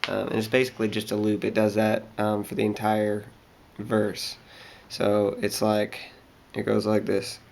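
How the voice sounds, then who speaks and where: With guitar playing the whole time, a young man gives a casual guitar lesson, his voice a little scratchy from a cold as he hesitantly explains a part, full of ums and restarts. He speaks unhurriedly in a fairly low, monotone, creaky voice, with hardly any pauses.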